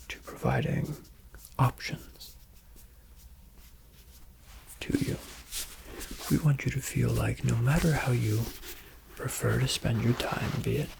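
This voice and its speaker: A man in a whispered role-play as a luxury flight attendant, speaking with polite, attentive, reassuring service patter and soft repetitions. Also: mid-range voice, vocal fry, noisy background. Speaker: ASMR performer playing a luxury flight attendant.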